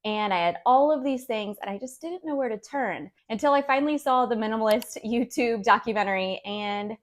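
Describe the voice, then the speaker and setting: A woman's voice: fairly high pitch, fairly quick. A woman in her thirties hosting a decluttering vlog, talking in a friendly, encouraging way with light laughs. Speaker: decluttering channel host. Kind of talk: casual instructional vlog talk.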